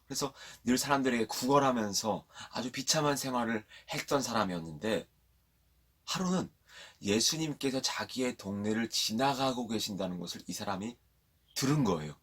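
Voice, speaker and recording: A man preaching a sermon to children at a church online service, telling the story in a lively way and asking the children questions. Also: medium pitch, normal speed, slightly rough.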